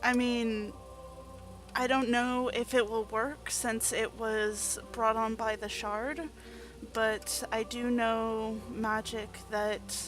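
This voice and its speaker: A woman playing her cleric at a tabletop game, playful and quick to laugh. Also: fairly high pitch. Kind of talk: casual tabletop game play.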